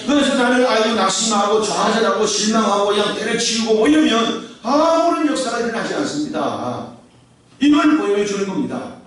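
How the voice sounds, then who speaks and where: A male pastor preaching an emphatic sermon, calling the congregation to answer amen. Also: high voice. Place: large echoey church sanctuary. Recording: very echoey hall, voice from far off the mic.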